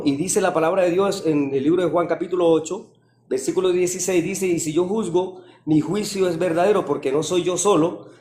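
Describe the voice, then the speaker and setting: A man's voice: a little high, mellow, roomy sound. A man, a pastor, answering in a religious debate, hesitant at first and citing scripture to defend himself.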